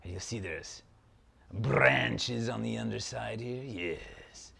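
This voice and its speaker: A man playing Zaltar, a gravelly villain prince. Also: lowish voice, slow pace, pushed and bright, slight background noise, exaggerated voice. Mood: pompous. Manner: theatrical, haughty, sometimes slips into a stage whisper. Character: pompous grand male sorcerer villain prince. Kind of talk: comic product skit.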